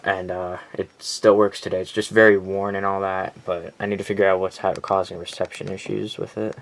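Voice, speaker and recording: A collector shows off his weather radios in a casual, unscripted way, rambling, correcting himself and speaking bluntly. His voice is low and flat, and he talks fairly quickly. The background noise is clear.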